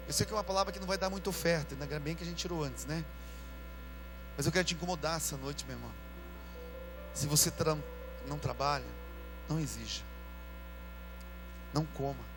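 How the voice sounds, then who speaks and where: A man preaching a sermon as pastor, in a casual, slangy way, calling out to his church and shouting when he acts out people. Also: on the high side, low-quality recording. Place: church service with music behind.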